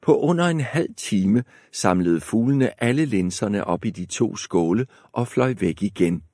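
A man narrating a fairy tale aloud in a calm, measured storytelling manner. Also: fairly low pitch, no echo, clean studio sound.

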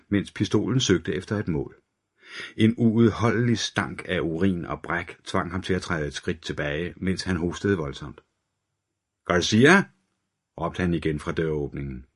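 A man narrates a crime thriller audiobook in a very deep voice. His telling is steady and dark, scripted and even.

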